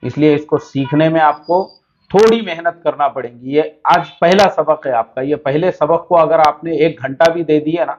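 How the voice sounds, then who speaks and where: This Urdu lesson for beginners covers reading the Arabic alphabet, taught by a man from India who explains patiently and draws out each sound. His voice runs a little high, and the audio sounds dull.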